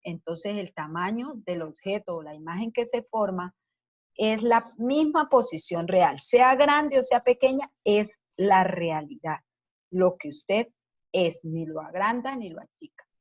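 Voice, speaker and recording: A woman's voice: lowish voice, animated, unhurried, darkish tone. A woman teacher giving a science lesson to children, explaining patiently step by step and asking the class questions as she goes. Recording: dull lo-fi sound.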